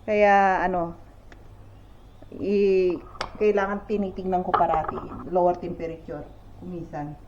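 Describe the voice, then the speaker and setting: Here the older woman from the Philippines sounds fairly low and steady, unhurried, with frequent pauses and background noise behind her. As a vlogger, she rambles through a casual story in her roomy home kitchen, dropping fillers and repeating "sabi ko." It's a dull, roomy home recording.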